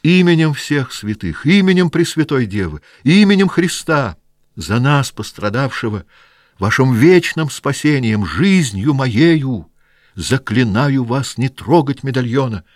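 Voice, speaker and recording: A man voicing a devout young daughter who pleads loudly and with passion. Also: medium pitch, animated, a little slow, no room sound, clean studio sound, pitched above the performer's own voice, natural voice. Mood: pleading. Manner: impassioned, loud pleading.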